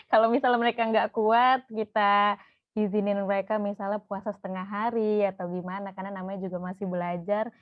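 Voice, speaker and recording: Woman podcast host, Indonesian accent, chatty questioner, slightly muffled audio. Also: mid-range voice. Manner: friendly questions, laughs often. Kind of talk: casual podcast interview.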